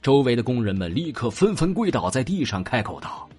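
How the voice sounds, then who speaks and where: A man narrating an audio drama with dramatic, expressive storytelling, with faint music behind him. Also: medium pitch, fairly quick.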